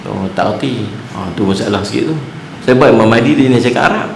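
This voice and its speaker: A man's voice: medium pitch, brisk, gravelly. A man giving a religious lecture, telling humorous stories and quoting Arabic verses. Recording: echoey room, faint ambient noise.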